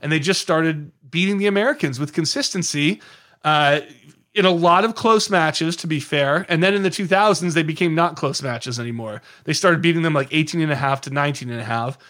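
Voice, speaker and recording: A man chats on a podcast in a somewhat raised voice, rambling eagerly from one anecdote to the next. He often jumps into quick impressions of the people in his story. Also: on the high side. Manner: lively, digressive storyteller who slips into quoted voices. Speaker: podcast guest.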